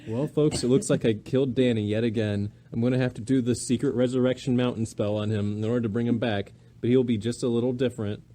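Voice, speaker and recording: A man's voice: medium pitch, steady tone, fast, hardly any pauses, mellow. A young man co-hosting a casual podcast chat, joking and laughing a lot. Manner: goofy, laughing, absurd jokes. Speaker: podcast co-host.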